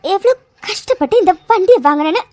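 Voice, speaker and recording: A woman voicing a young, hardworking cartoon heroine with a hoarse sore throat and a fiery temper. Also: very high voice, animated, a little mellow, dry recording. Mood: angry. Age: young adult. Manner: fiery, quick to pick a fight. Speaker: food delivery worker. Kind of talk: cartoon serial voice acting.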